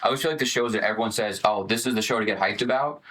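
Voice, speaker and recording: A man's voice: lowish voice, racing, fairly bright tone, slight background noise, poor audio. A man in a band, chatting casually with bandmates and filling his talk with "like.". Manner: rambling, lots of "like" fillers. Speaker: band member. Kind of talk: casual group chat.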